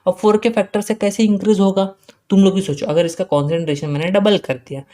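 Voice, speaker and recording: Give me a male chemistry teacher who quizzes his class aloud, answers himself, and dictates the key lines slowly. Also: high-pitched, steady tone, warm tone. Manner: asks himself questions and answers them, repeating key points. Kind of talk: exam-prep lecture.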